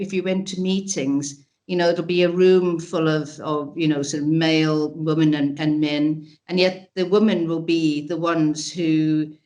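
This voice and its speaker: Low-voiced woman from South Africa. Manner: reflective, hesitant, many restarts. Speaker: interviewee, researcher. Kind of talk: recorded interview.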